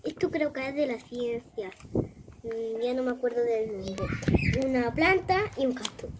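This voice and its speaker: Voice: mid-range voice, a little slow, heavy background noise. A children's channel host chatting casually and thinking aloud while unboxing. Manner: exclaims and thinks aloud while handling items.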